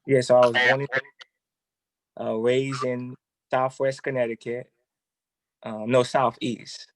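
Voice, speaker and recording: A man's voice: mid-range voice, level tone, takes it slowly, fairly bright tone, dry recording, poor audio. A man from Haiti, an educator being interviewed, who talks hesitantly with many ums.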